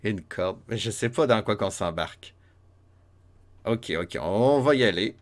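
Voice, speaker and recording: A man's voice: lowish voice, lively intonation, unhurried. A man with a Quebec French accent giving casual, chatty commentary while playing an old role-playing game, laughing often and talking to his chat. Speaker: streamer playing a retro RPG. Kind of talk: casual let's-play commentary.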